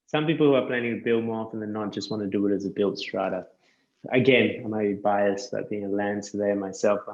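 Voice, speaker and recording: A man who works as a land surveyor, chatting casually and explaining things step by step with quick self-corrections. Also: on the low side, steady tone, darkish tone, reverberant, muffled recording. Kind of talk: casual podcast chat.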